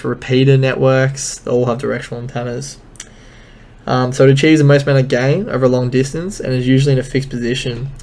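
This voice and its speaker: A man talks through a technical lesson in an easygoing, unscripted way, leaning on plenty of ums as he walks through his slides. His pitch barely moves, staying level and even from phrase to phrase. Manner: relaxed, many filler ums, loose explaining. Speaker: instructor.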